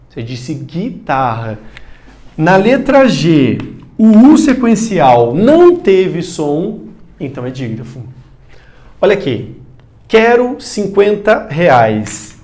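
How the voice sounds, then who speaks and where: A man's voice: high voice, darkish tone. A man teaching a recorded grammar lesson, talking straight to the student and repeating the key points.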